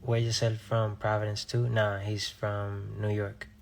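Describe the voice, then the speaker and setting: Gravelly-voiced young singer from Rhode Island. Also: male voice, on the low side, a little slow, a little hiss or hum. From Rhode Island, USA. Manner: relaxed, reads viewer questions aloud and answers offhandedly. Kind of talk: casual live-stream chat answering viewer comments.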